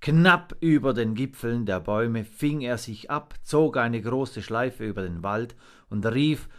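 A man narrating a storybook in an expressive, measured reading. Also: mid-range voice, clean tone.

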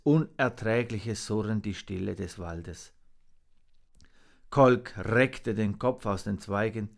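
A man narrating a storybook in an expressive, measured reading. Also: lowish voice.

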